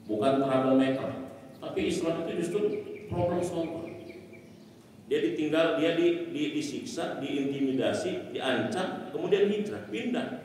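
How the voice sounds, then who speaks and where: A man's voice: medium pitch, a little mellow, a little hiss or hum. A man preaching a sermon in a mosque, emphatic, asking rhetorical questions and answering them himself. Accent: Indonesian. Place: mosque hall. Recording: echoey hall from far off.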